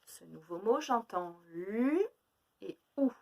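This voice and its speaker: A woman teaching a phonics lesson to young children, slowly and clearly separating each sound and stressing the key words. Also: mid-range voice, expressive, mellow.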